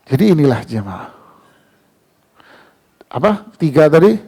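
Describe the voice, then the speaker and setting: A man preaching a sermon in a mosque, animated, climbing loud on key words and slowing down to recite verses. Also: a little high, slightly rough.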